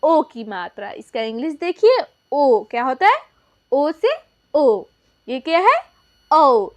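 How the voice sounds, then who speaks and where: High-voiced woman teaching a lesson. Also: big pitch swings, takes it slowly. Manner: asks and answers her own questions, repeats key points. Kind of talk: classroom lesson.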